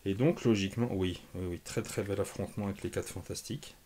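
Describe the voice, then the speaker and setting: A fairly low-pitched man talks casually as a channel host while unboxing comics. He is excitable, thinks out loud with frequent fillers, and sometimes drops to a hushed whisper when something impresses him. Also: quick pace, slight background noise. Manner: enthusiastic, thinks aloud with many fillers.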